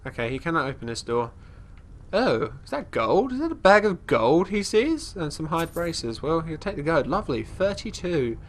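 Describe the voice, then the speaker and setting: His voice sits a little high and swings widely in pitch, moving at a moderate pace. A congested let's play host, he chats casually through a fantasy game, narrating his character in third person. He tends to ramble and often restarts what he's saying.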